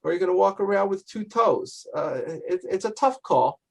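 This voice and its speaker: A man's voice: high voice, animated, normal speed, gravelly, a little mellow. A man speaking informally and reflectively on a video call, answering questions and recounting family history.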